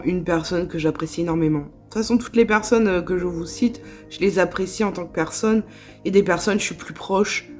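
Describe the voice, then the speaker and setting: A woman's voice: mid-range voice, darkish tone. A woman with a Northern French accent, chatting casually in a vlog, with lots of fillers and small laughs. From northern France. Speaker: vlogger.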